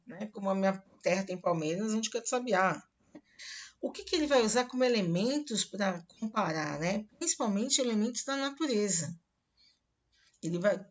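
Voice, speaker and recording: A woman with a Brazilian accent teaching a literature class online, explaining slowly and reading poems aloud to students. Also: medium pitch. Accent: Brazilian Portuguese. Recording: dull lo-fi recording.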